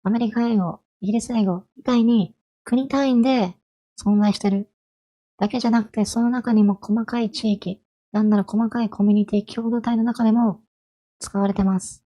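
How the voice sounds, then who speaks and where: A woman's voice: on the high side, fairly even intonation, normal speed, mellow. A woman in her twenties giving a chatty, friendly explainer lesson on language, asking her listeners rhetorical questions. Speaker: language vtuber.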